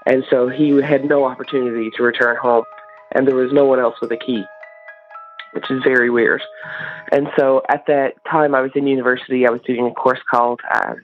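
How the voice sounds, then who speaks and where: A woman's voice: a bass voice, fairly even intonation, fairly quick, faint music behind. A woman from Newfoundland calling in, informally telling a personal story. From Newfoundland, Canada. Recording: dull lo-fi recorded call.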